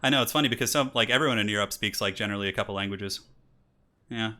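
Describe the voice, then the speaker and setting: A streamer and tournament caster in his thirties hosts a live stream, racing along in a low-leaning, bright, forceful voice. He chattily reads donations aloud, laughing often, then casts a strategy game match with hyped intros.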